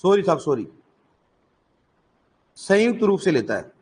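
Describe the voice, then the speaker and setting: Guy teaching an agri exam class, pretty high voice, keeps asking questions and repeating answers, bit of in it. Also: very animated, unhurried, darkish tone, husky. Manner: quizzing, joking, repeats key answers. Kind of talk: classroom lecture with student call-and-response. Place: classroom with students.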